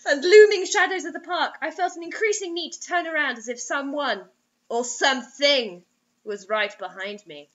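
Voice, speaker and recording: A young woman gives a dramatic reading of a story in a high-pitched, fairly bright voice at normal speed, mocking it with sarcastic asides. It's a theatrical performance recorded in a small indoor room with dull, lo-fi webcam-style sound.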